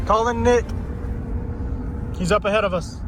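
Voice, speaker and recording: A man chasing a storm talks in casual, excited vlog commentary, addressing his viewers and repeating himself. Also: sits high, unhurried, background noise. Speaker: storm chaser. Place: inside a moving car. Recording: music over car audio.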